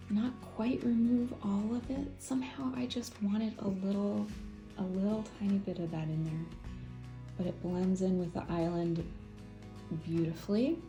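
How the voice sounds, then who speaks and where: In a relaxed vlog from her indoor studio, a Japan-raised photographer thinks aloud in a dark, mid-range voice with fairly even intonation. She talks slowly and pauses often, and the recording is roomy, with a distant mic and music behind her.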